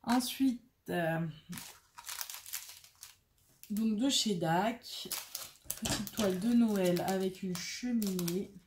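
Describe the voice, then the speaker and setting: A woman's voice: mid-range voice, very slow, pauses often, darkish tone, a little hiss or hum. A woman chatting casually and mocking herself while she works on a craft, thinking aloud as she goes. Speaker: craft vlogger.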